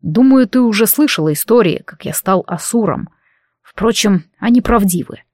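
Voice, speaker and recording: A woman voicing a brooding, gruff male warrior who speaks in a dry, mocking way, in an audiobook. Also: medium pitch, animated, normal speed, a little mellow, dry recording, natural voice. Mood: wistful, flat.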